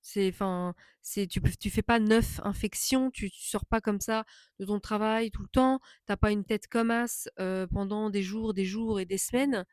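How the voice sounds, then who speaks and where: A woman's voice: mid-range voice, fairly even intonation, moderate pace, darkish tone, no room sound. A woman vlogger chatting casually as she tells a personal story, indignant and emphatic, often repeating phrases for stress.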